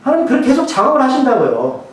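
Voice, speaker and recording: A male pastor with a very high, rapid-fire voice and huge pitch swings preaches a sermon in church, joking and chatting casually while firing off rhetorical questions at the congregation. The mic sits far away in a very echoey hall.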